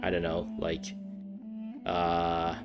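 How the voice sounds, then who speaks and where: Playful, very low-voiced woman gamer. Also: completely flat delivery, extremely slow, over music. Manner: playful, silly asides. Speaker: game streamer. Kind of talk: casual game commentary with dialogue read-along.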